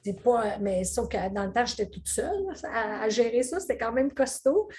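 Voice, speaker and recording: Lively Québécois woman coach. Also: fairly high pitch, normal speed. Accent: Québécois French. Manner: animated, laughing storyteller with many fillers. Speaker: weight-loss coach, guest. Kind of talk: casual interview chat.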